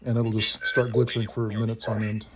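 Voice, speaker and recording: A man's voice: fairly low pitch, flat delivery, normal speed. A man giving a casual hands-on walkthrough, explaining piecemeal in short, tentative phrases. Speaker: demonstrator of a modified electronic instrument. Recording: very noisy, with device buzz and clicks. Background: electronic toy noises and button clicks.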